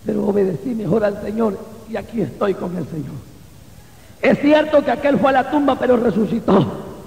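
A man preaching with fervor at a church service, his very high voice gravelly at the edges. He keeps breaking into exclamations of praise. The hall around him rings with a long echo. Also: animated, normal speed, a little mellow. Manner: fervent, punctuates with exclamations of praise. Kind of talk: evangelical sermon and testimony. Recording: echoey hall with long reverb.

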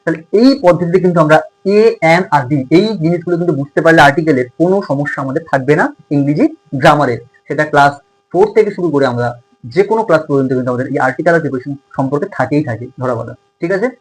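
A man's voice: fairly high pitch, rapid-fire, husky, poor audio. A male tutor with a Bengali accent teaching a grammar lesson, asking his students questions and answering them himself.

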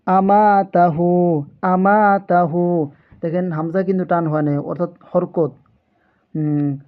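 A man teaching Quran reading, spelling out letters and vowel marks one syllable at a time and drawing out each joined word slowly. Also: high-pitched. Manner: slow, deliberate letter-by-letter drilling, drawing out the blended words. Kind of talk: spelling out Arabic letters and vowel marks, drill-style lesson. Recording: lo-fi narrow phone-like sound.

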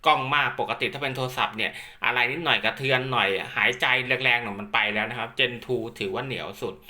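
This instructor, a man with a mid-range voice and a sharp tone, demonstrates equipment in a relaxed hands-on tutorial. He walks through each step, leaning on repeated polite particles as he explains.

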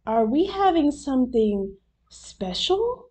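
A woman voicing an excitable young boy frog in a storybook, with eager, loud exclamations. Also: high voice, takes it slowly, pitched above the performer's own voice, heavily acted. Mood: excited.

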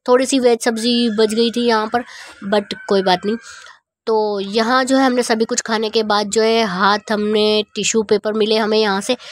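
Chatty woman vlogger, flat even voice. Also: medium pitch. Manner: chatty, rambling with many fillers. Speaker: family vlogger. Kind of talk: casual vlog voice-over. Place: outdoors on a city street at night. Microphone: phone held at arm's length.

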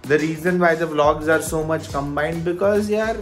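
A man's voice: fairly high pitch, drawn-out words, faint music behind. A man in his thirties, vlogging in a casual chat that mixes languages, filming himself on a phone at arm's length. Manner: mixes Hindi, Marathi and English, chatty. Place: busy shopping mall, indoors. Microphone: phone held at arm's length.

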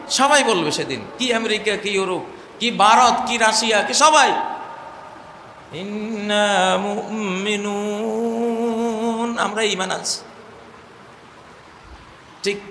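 A male preacher giving an impassioned sermon, swinging between loud cries and low murmurs and chanting verses. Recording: echoey hall, faint noise.

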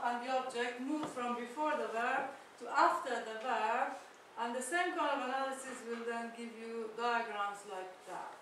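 In a lecture room recorded from a distant camera, with echo and noise, a Persian-speaking woman academic delivers a conference talk. It's chatty and self-mocking, packed with fillers and false starts. Her voice sits on the high side and sounds a bit bright.

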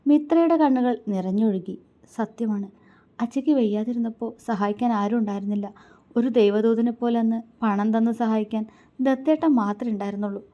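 A woman storyteller giving scripted narration of a romance story, with a calm, hushed reading pace. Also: a little high, brisk, lo-fi sound.

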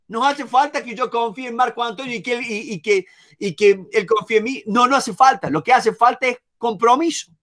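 A man's voice: high-pitched, fairly bright tone. Emphatic Argentine man teaching. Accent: Rioplatense Spanish. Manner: emphatic, repeats key words, acts out examples. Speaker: negotiation trainer. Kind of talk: lively online masterclass.

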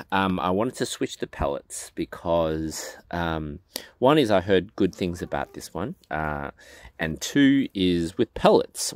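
A man's voice: low voice, no echo. A man vlogging casually from his backyard chicken run, talking hesitantly with many ums and restarts. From Australia. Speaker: gardening vlogger. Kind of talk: casual talk to camera.

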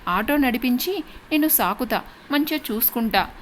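A woman narrator reads a bossy young village man, blunt and dismissive. The voice sits fairly high, and a faint hiss runs under it. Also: lively intonation, moderate pace, natural voice.

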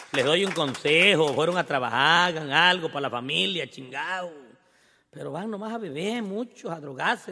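A man with a Mexican accent doing crude, teasing stand-up banter as emcee at a live show, rowdy and quick to laugh. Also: fairly high pitch, sharp tone, slight background noise. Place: live concert stage. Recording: reverberant live venue with band music. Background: band music.

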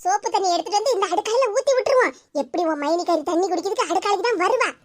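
A woman voicing a squeaky scheming cartoon neighbor. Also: expressive, brisk, background noise. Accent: Tirunelveli Tamil. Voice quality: high and squeaky. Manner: coaxing, sugary, then plotting. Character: scheming sweet-talking woman neighbor, meddling. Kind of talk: cartoon voice acting.

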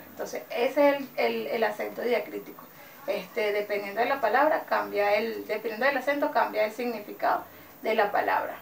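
A woman teacher with a Venezuelan accent giving a lesson to young children, slowly stressing each syllable. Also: on the high side, vocal fry, far from the mic. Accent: Venezuelan Spanish. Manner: slow, stressing syllables carefully. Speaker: primary school teacher. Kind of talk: classroom lesson addressed to children. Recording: echoey room, voice off-mic, faint background noise.

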